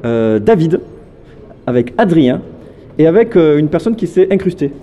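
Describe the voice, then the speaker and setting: At a film festival, a man hosts a vlog, chatting loosely and sprinkling in lots of fillers and jokes. His voice is on the high side yet dark in tone, very animated, and delivered at a normal speed.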